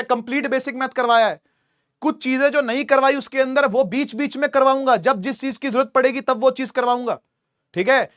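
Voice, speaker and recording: A man's voice: extremely high pitch, fairly bright tone, no room sound, studio quality. A man teaching a physics class online, chatty and repetitive, often checking that students follow. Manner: chatty, addresses students as beta, repeats "theek hai".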